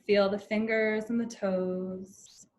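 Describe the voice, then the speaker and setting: In a calm, unhurried guided meditation, a woman lets long silences fall between her phrases. She speaks at a medium pitch with a level tone and a slightly mellow quality.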